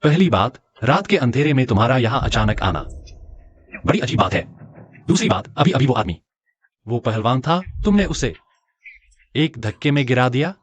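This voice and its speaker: A man's voice: medium pitch, sing-song, moderate pace, pauses often, husky, no room sound, highs cut off. A man voicing a protective young brother who talks back sharply and confronts his sister's suitor, in a dubbed drama. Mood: defiant. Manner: defiant, confrontational. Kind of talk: Hindi drama dubbing.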